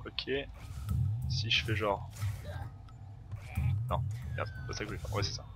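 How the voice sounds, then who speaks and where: A man's voice: on the low side, wildly swooping pitch, normal speed, creaky, loud music behind the voice. A man giving casual let's play commentary, chatty and thinking aloud, laughing often. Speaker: gameplay commentator.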